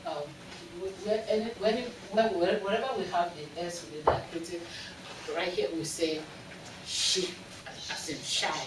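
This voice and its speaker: A man's voice: high-pitched, fairly even intonation, moderate pace. A man teaching the tones of his to an audience, repeating syllables and having them echo him. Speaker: language instructor. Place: university lecture hall. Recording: far from the mic, echoey, loud hall noise.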